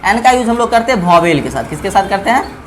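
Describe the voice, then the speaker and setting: A man teaching an exam-prep grammar lesson, repeating each point as a question and asking his students whether it is clear. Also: high voice, sing-song, quick pace, fairly bright tone, a little hiss or hum. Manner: checks understanding with "clear?" and "theek hai na".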